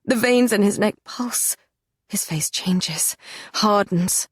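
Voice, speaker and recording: A woman's voice: medium pitch, slow pace, breathy edge, no echo, studio quality. A woman narrating a first-person fantasy romance audiobook with an intense, dramatic delivery.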